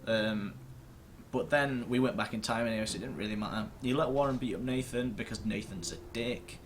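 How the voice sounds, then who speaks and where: At his computer indoors, the host of a gaming video series rambles casually to camera with self-deprecating, mildly sweary commentary. His voice sits fairly low and moves a little fast, with a faint hiss or hum in the recording.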